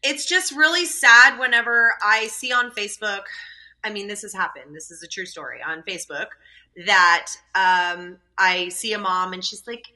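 Bright-voiced young woman telling stories. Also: medium pitch, moderate pace, low-quality recording. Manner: chatty, lots of fillers, storytelling. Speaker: guest, doula. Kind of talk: casual conversational interview.

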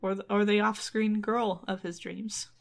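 A woman's voice: medium pitch, flat delivery, normal speed, creaky. A woman co-hosting a podcast, reading a folktale aloud with casual asides and frequent laughter. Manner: laughs often, chatty asides. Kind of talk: casual read-aloud with commentary.

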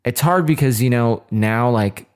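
A man's voice: mid-range voice, measured pace, smooth. A man hosting his own podcast, talking to listeners in a casual, earnest, rambling way with plenty of fillers and restarts. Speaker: podcast host. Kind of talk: casual solo podcast monologue.

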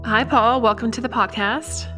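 A woman's voice: on the high side, steady tone, normal speed, music in the background. Curious woman interviewer, laughing along. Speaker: podcast co-host interviewer. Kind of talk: casual interview.

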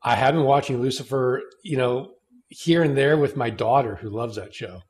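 A man hosting a casual roundtable chat, sounding joking and emphatic. His voice sits at an ordinary middle pitch. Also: normal speed, darkish tone. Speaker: podcast host.

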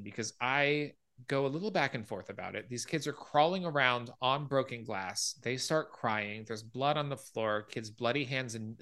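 Man, podcast host, casual film recap, bright voice, acts out quotes. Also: mid-range voice. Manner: retelling scenes, acting out quoted lines.

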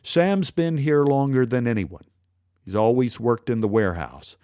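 A stern middle-aged boss, as a storyteller voices him, speaking firm and measured. His pitch sits a little above the narrator's usual voice. The man reading keeps the recording dry and close. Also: lively intonation, warm tone, dry recording, natural voice.

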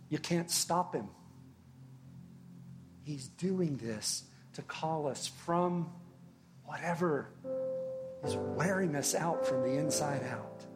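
Pastor, male, mid-range voice, very slow and deliberate sermon delivery, soft music bed behind. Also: on the high side. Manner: slow, earnest preaching with long pauses and soft drops in volume.

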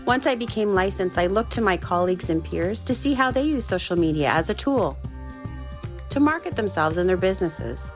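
A woman giving a first-person voice-over interpretation of a signer's words, in a calm, measured delivery. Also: mid-range voice, faint music behind. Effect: interpreter's voice-over translating sign language. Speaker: sign language interpreter.

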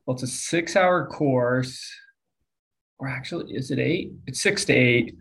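A man's voice: mid-range voice, unhurried, gravelly, a bit bright. A man co-hosting a podcast, an attorney talking in an easygoing, self-deprecating way. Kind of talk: casual chat.

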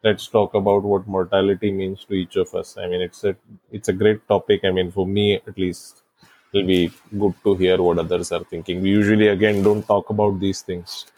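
A man's voice: sits low, level tone, normal speed, a little mellow, no room sound, rough recording. A man hosting a podcast in a casual, bantering style. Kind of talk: casual chat.

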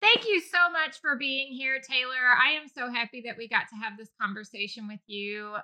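Woman, podcast host, very bright sharp voice, direct friendly questions. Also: high-pitched, normal speed. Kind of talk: casual interview.

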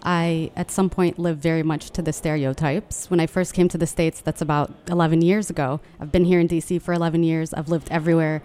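A young woman from Yemen with a slightly low voice, co-hosting a live radio show from a hotel studio. She talks candidly and openly, slipping into quoted voices as she tells stories. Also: flat delivery, a little fast, hardly any pauses, warm tone. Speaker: podcast co-host. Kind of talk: casual radio chat.

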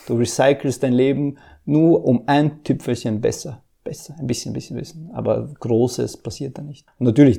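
A man's voice: mid-range voice, vocal fry, mellow. A man who coaches emotional intelligence, answering interview questions earnestly, repeating words and acting out inner voices.

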